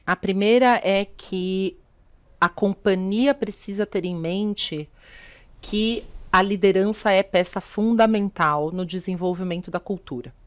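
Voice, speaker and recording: A woman's voice: mid-range voice, a little slow, smooth. A middle-aged woman with a Brazilian Portuguese accent, a sustainability executive explaining her views as a guest in a videocast interview, posing rhetorical questions as she goes.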